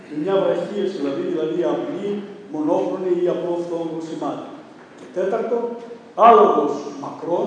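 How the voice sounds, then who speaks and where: A man giving a formal lecture, measured and didactic, slowing down to stress key terms. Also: sits high, dark tone, slight background noise. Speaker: lecturer on chant rhythm. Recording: echoey hall, voice far from the mic.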